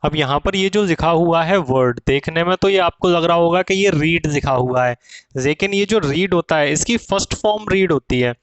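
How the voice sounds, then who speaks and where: A man's voice: fairly high pitch, normal speed, smooth, dry recording, poor audio. A man teaching grammar to students, asking questions and answering them himself.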